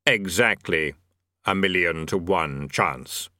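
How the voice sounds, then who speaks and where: A man voicing Death, a tall skeletal reaper who speaks slowly, gravely and dryly. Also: low voice, bright, forceful tone, no echo, pitched below the performer's own voice, heavily acted. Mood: solemn, dry. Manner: measured, grave, dry.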